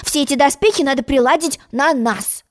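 A woman's voice: high voice, normal speed, natural voice. A woman reading a storybook, voicing a gloomy, suspicious little boy. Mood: sulky.

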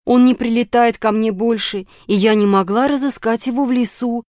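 A woman voicing a flustered, tearful female letter of the alphabet in a children's audiobook, talking loud and high. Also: normal speed, no echo, studio quality, natural voice. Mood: anxious pleading.

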